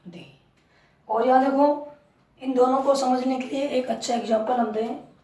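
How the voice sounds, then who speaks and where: A woman teaching English grammar in a classroom-style lesson, with an Indian English accent, dictating phrases slowly and quizzing with rhetorical questions. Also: high-pitched, fairly even intonation, warm tone, distant mic. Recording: echoey room, voice from off the mic.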